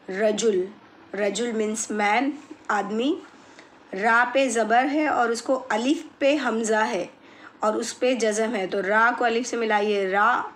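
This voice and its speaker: A woman teaching children Arabic words, patiently explaining and repeating each word slowly. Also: fairly high pitch. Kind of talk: slow explanatory lesson.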